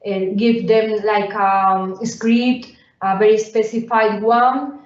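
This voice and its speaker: A woman giving an academic workshop presentation, halting and full of fillers and restarts. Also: medium pitch, fairly even intonation. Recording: roomy, distant, dull sound.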